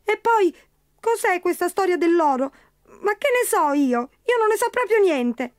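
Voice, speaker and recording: A woman's voice: lively intonation, unhurried, no room sound, studio quality. A woman voicing a tiny, crafty male leprechaun shoemaker who is wheedling and tricky in a storybook reading. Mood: pleading. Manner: shrill, pleading, tricky.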